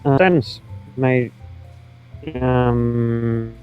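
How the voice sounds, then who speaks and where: A man's voice: medium pitch, fairly even intonation, narrow, tinny audio, soft background music. A man chatting hesitantly on a podcast over online voice chat, his voice cutting in and out. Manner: hesitant, halting with fillers. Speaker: podcast co-host. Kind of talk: casual chat. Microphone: push-to-talk voice chat.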